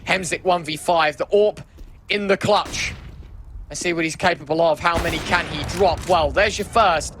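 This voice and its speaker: Esports caster, male, high-pitched, dramatic live match commentary over noticeable game sound. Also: normal speed. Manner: dramatic, exclamatory, vivid phrasing. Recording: clear game noise behind the voice.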